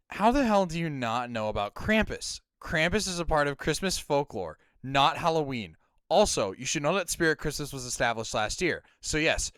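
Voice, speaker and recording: A man with a Midwestern American accent chats casually on a stream, reading out viewer comments. His voice is smooth and clean. The sound is dry and close, with no room around it. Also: mid-range voice, no room sound. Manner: talks fast, trails off quietly, reads out comments. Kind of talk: casual chat.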